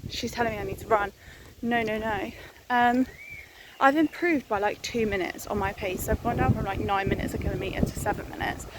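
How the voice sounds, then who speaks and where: A young woman chatting casually and excitably in a vlog, peppering her talk with informal filler. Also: medium pitch, a little fast, noisy background. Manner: excitable and informal, frequent "like" and "oh my God". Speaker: vlogger.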